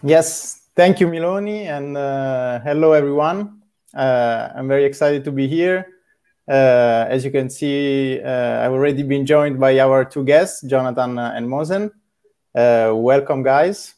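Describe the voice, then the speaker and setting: A man in his thirties with a mellow, warm voice moderates a panel discussion. He talks in a friendly way, padding his sentences with frequent "uh"s. He is heard through a webcam on a video call. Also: mid-range voice, measured pace, clear, resonant tone. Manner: friendly, many filler uhs.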